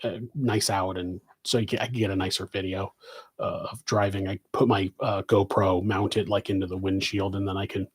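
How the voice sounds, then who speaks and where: Low and husky, the voice of this West Coast American podcast host stays flat at a moderate pace. He's answering questions in a live Q&A, loosely and ramblingly, with plenty of fillers and false starts.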